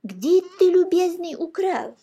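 A woman voicing a blustering old male judge who scolds loudly in a storybook reading. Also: high voice, moderate pace, close to an everyday voice. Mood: outraged. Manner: loud exclaiming scolding.

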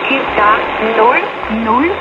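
Woman's slow mechanical voice over fading shortwave radio. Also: a little high. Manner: slow, flat, mechanical counting. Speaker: number station announcer. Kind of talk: reading out digit groups. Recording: muffled shortwave radio broadcast.

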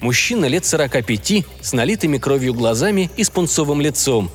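A man reading a story aloud as an audiobook narrator, in a measured, expressive way. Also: fairly high pitch. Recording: long reverb, faint music behind.

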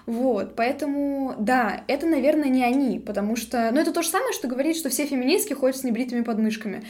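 An eighteen-year-old woman hosts a podcast in casual chat, her voice sitting a little high. She talks in a chatty, halting way, with lots of fillers between her thoughts. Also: expressive, darkish tone. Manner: chatty, hesitant with many fillers. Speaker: podcast host.

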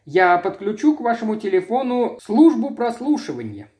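A man's voice: sits high, very animated, moderate pace, darkish tone, voice pushed up. A man voicing a brusque, impatient police commissioner in a detective story. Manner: brusque, barking.

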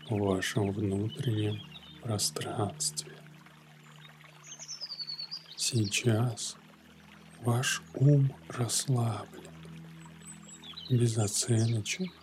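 Slow, soothing male meditation guide, low voice. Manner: soothing, gentle, like a yoga teacher; unhurried, with long pauses between phrases. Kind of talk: guided morning meditation narration. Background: soft music.

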